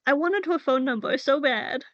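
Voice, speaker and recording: A woman's voice: high-pitched, moderate pace, a bit bright, no room sound, dull audio. A woman player in a tabletop game, speaking casually with hesitant fillers.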